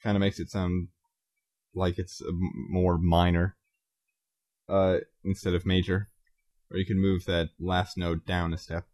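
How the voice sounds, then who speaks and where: A man hosting his own podcast, talking casually and haltingly about composing, with many ums and self-corrections. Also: deep voice, level tone, darkish tone, no echo, studio quality. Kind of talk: casual solo talk about his music.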